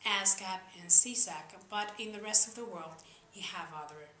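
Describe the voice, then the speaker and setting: Speaking at medium pitch and a moderate pace, a young Spanish vlogger discusses songwriting to camera. Her casual, earnest English is slightly uneven and Spanish-accented, her tone pushed and bright. The small indoor room sounds reverberant, with a bit of hiss or hum.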